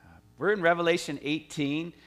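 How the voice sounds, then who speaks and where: A man's voice: fairly high pitch, steady tone, fairly quick, fairly bright tone. A middle-aged man from the United States, a pastor giving a sermon in a conversational way, with asides and frequent "uh" fillers.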